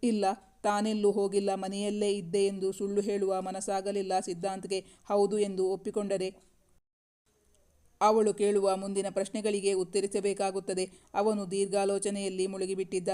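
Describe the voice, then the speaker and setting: A narrator reading a serialized romance novel aloud in a steady, even storytelling manner. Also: mid-range voice, moderate pace, clean tone.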